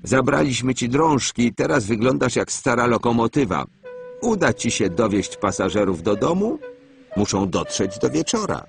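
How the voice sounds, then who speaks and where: A man voicing a calm, kindly engine driver in a cartoon story, reassuring his engine. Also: medium pitch, moderate pace, vocal fry, soft background music.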